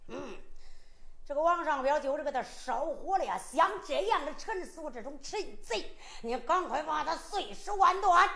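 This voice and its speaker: A woman's voice: high voice, expressive, normal speed, vocal fry, fairly bright tone. A woman with a Henan accent telling a traditional ballad story in dramatic, exclamatory sung-spoken style.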